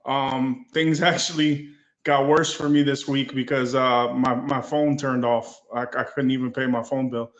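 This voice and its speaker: A man calling in to a livestream on his phone, his voice echoing back over the line as he speaks in a halting, subdued way. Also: medium pitch, little pitch movement. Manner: halting, subdued, repeats himself. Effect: his voice echoes back over the call. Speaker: caller on a livestream. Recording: echoey, muffled phone call audio.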